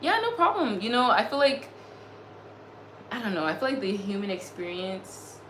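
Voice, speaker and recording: Music plays behind a woman's animated, mid-range voice, recorded with a roomy echo and some background noise. She's around thirty and hosts a casual livestream, reading comments and replying in an earnest, gushing manner at a moderate pace, often repeating herself.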